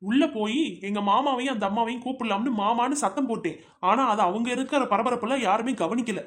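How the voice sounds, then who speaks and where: A man doing Chinna Ponnu, a shrill chatty village housewife. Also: a little fast. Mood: gossipy. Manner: chatty storytelling, teasing friends with nicknames. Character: chatty young village housewife, gossipy and warm. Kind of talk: cartoon comedy voice acting.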